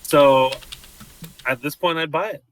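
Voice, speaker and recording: A man's voice: a little high, a little slow, a little hiss or hum, poor audio. A man playing a tabletop game, tossing in joking asides. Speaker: player.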